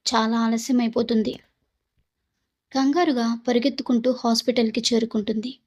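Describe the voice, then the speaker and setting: A woman narrating a scripted drama story in a steady, even storytelling manner. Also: on the high side.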